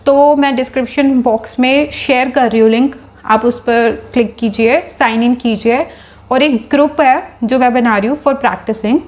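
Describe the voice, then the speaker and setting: A woman teaching English words and their pronunciation, mixing in Hindi, spelling out each word slowly and calling viewers friends. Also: fairly high pitch. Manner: slow, deliberate over each English word. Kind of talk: Hinglish vocabulary lesson.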